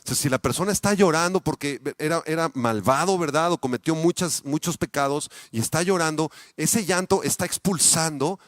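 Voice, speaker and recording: A Mexican-accented male pastor preaching a sermon in a fairly high voice. He swings from loud, emphatic peaks down to hushed, low asides and keeps asking his listeners direct questions. The sound is close and dry, with no room echo. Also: normal speed, few pauses. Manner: addresses the congregation directly with frequent rhetorical questions.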